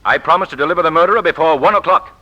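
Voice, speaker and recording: An actor playing a commanding, self-assured gentleman sleuth, speaking in the declamatory manner of 1940s radio. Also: on the high side, racing, muffled recording. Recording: faintly noisy old radio recording.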